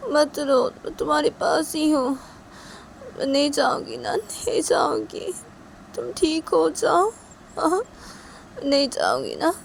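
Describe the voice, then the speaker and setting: A woman voicing a gentle young woman who begs softly and repeatedly, and soothes a child. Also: sits high, vocal fry, a little hiss or hum, pitched above the performer's own voice, heavily acted. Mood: soothing. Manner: pleading, soft, repetitive.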